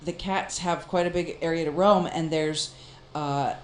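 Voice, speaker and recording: A woman co-hosting a casual chat, telling a story in an animated way and laughing often. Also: low voice, measured pace, reverberant, slight background noise. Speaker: podcast co-host.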